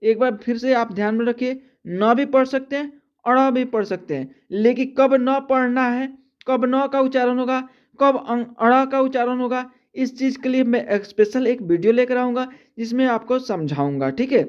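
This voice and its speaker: A man teaching the alphabet slowly and patiently, checking in with the class after almost every line. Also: very high-pitched, darkish tone, clear, resonant tone. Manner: repeats "theek hai" constantly, patient step-by-step teaching. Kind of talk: slow classroom explanation. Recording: dull lo-fi sound.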